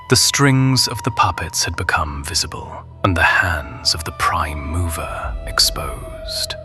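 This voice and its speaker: A man playing a proud, bitter vampire antihero, narrating a game cutscene with imperious, deliberate gravity. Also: deep voice.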